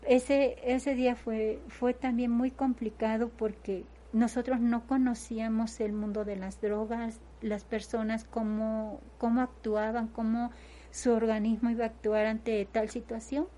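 Woman, middle-aged, personal testimony, fairly high voice, soft dark tone. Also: flat delivery, unhurried. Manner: retells events in long chains, often repeating "agarré y". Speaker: interviewee, mother.

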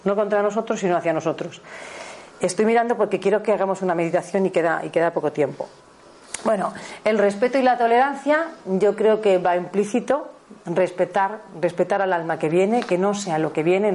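Fast-talking woman from Spain. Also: fairly low pitch, darkish tone. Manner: fast, self-correcting, checks in with the audience. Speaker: school teacher giving a talk. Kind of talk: spiritual parenting talk.

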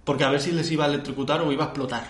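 A man's voice: a little high, racing, reverberant. A man from who runs escape rooms, telling stories in a casual podcast chat and acting out his customers' lines. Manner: animated storytelling, acts out customers' lines. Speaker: escape room game master.

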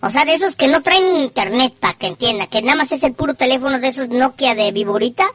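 Northern Mexican woman, high forceful voice, slangy call-in host, teasing, swears freely, close dry sound. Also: animated, fast, no room sound. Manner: teasing, profane. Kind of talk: casual slangy live chat.

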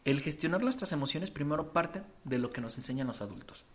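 A man with a Mexican accent, a psychologist on a panel, explaining calmly and acting out the phrases people say. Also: on the high side, brisk. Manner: explanatory, acts out quoted phrases. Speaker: psychologist guest. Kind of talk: casual panel talk.

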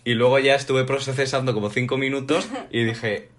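A young man co-hosting a podcast, talking in a relaxed, easygoing way with many fillers. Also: medium pitch, moderate pace. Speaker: podcast co-host. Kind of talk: casual chat.

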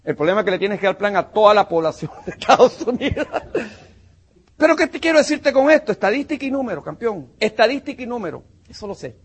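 Guy from panama pumping up a sales crowd, high husky voice, big emphatic swings. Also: very animated, fast talker. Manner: punchy and emphatic, calls listeners "campeón" and "mi hermano". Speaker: motivational business speaker. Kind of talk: motivational talk to a live audience.

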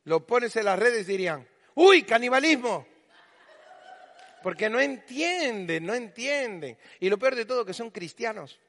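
A male preacher giving an animated sermon in a church, acting out the people he quotes. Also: sits high, moderate pace, few pauses. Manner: animated, acts out quoted voices. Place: church hall. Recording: long reverb in a church hall.

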